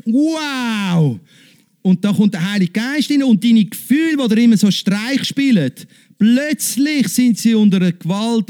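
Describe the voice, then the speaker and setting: Preacher, male, high voice, engages the congregation with questions. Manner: lively, asks the congregation questions. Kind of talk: sermon.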